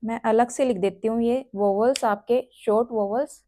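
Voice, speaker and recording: A woman's voice: on the high side, steady tone, warm tone, slight background noise. A woman teaching a shorthand lesson, repeating each sound and place one by one. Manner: slow, repetitive, spells out sounds and places one by one. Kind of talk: classroom lesson explaining step by step.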